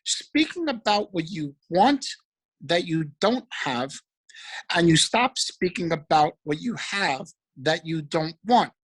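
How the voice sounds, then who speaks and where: A man giving an energetic, preachy motivational talk about trading, repeating affirmations. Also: fairly high pitch, takes it slowly, slightly rough, poor audio. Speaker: motivational speaker for a trading group.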